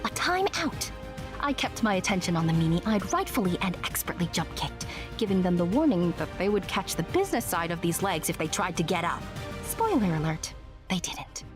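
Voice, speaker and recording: Speaking at a moderate pace in a lowish voice, a woman voices a tiny winged secret agent full of pride. Her audio-drama narration is earnest and expressive, delivered with a self-important, proud, and excited air over background music.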